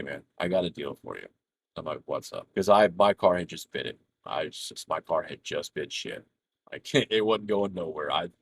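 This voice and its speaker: A man's voice: sits low, no echo. A man casually telling a rambling, profane story while streaming a game. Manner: profane, rambling, laughs through his own anecdote. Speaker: gaming streamer.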